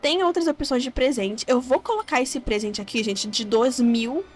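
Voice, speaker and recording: A Brazilian woman gushing excitedly as she shows off game mods, in casual gameplay commentary. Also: high voice, normal speed. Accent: Brazilian Portuguese. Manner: gushing, excitable, says "gente" constantly. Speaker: gaming YouTuber.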